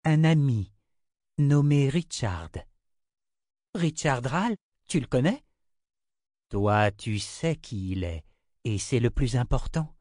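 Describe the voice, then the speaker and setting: A man voicing a gentle, soothing mother. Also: mid-range voice, lively intonation, takes it slowly, long pauses, no room sound, studio quality. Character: gentle, reassuring mother of a young girl. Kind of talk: audiobook character reading.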